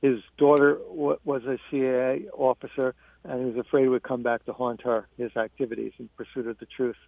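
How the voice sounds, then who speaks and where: Gravelly male author on a phone line. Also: medium pitch, little pitch movement, no room sound. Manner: measured, halting, with frequent restarts. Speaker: author being interviewed. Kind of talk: radio interview.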